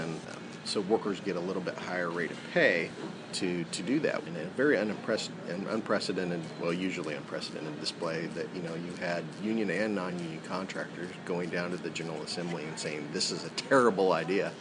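A man's voice: sits low, brisk, noisy background. A man with an American accent co-hosting a radio panel, giving conversational commentary and rephrasing as he goes.

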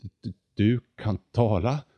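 A man's voice: lowish voice, dull audio, pitched above the performer's own voice, close to an everyday voice. A man reading an audiobook voices a timid young man who speaks hesitantly, stammering and apologizing. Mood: nervous.

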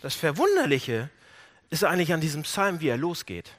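A man preaching a sermon, animated and acting out quoted voices with big swings in pitch and loudness. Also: fairly quick.

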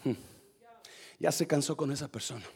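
A male pastor preaching a sermon to his congregation. He swings from shouted peaks to low, quiet asides, calls out to the people and drops English phrases into his preaching. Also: moderate pace, breathy edge. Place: church service.

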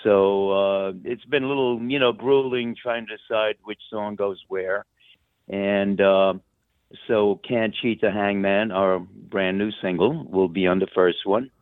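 His voice is on the low side, clear and resonant, with fairly even intonation, a measured pace, and no echo. A US man, he appears as a musician guest on a narrow-band phone line, chatting casually in an informal, rambling, hesitant interview.

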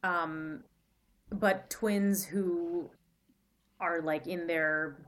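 Woman podcast guest, loose and rambling, quick to laugh at herself. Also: lowish voice, fairly even intonation, a little hiss or hum. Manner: rambling, laughing, self-deprecating. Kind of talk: casual podcast chat.

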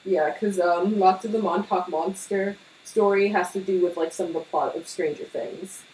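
A woman's voice: fairly low pitch, moderate pace, darkish tone. A young woman co-hosting a podcast, chatting casually with lots of fillers and tangents. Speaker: podcast co-host. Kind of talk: casual chat. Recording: slightly distant mic with faint hiss.

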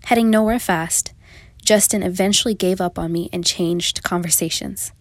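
A woman's voice: on the low side, moderate pace, no echo. A young adult woman reading her own first-person story in a reflective, confessional manner. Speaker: narrator. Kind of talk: first-person memoir narration.

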